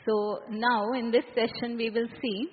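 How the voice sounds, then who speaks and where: Female workshop trainer, Indian accent, higher-pitched husky voice, engages the group with frequent questions. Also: flat delivery, unhurried. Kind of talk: interactive seminar teaching. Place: large echoey indoor room. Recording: reverberant hall, muffled phone-like sound.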